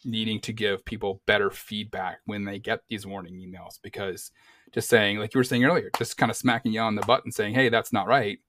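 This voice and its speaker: Male podcast co-host, low voice, dry close recording. Easygoing, reads posts aloud. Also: fairly even intonation, brisk, a bit bright, no room sound. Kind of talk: casual chat.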